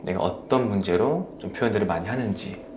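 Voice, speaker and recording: A man hosting a live stream on marriage, gently coaching and praising viewers as he reads their comments. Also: lowish voice, fairly quick, roomy sound, background noise.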